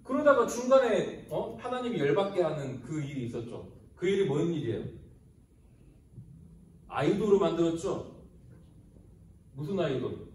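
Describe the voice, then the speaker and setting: Man, youth pastor, casual sermon, animated questioning delivery, distant mic, echoey church hall. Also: fairly high pitch, moderate pace, long pauses, a little hiss or hum. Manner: animated storytelling, asks the audience questions.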